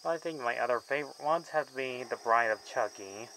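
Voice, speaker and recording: A man's voice: mid-range voice, fairly quick, vocal fry, bright, forceful tone, slight background noise, rough recording. A man giving a casual, rambling film review vlog, with loosely strung sentences that often trail off mid-thought. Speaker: movie reviewer.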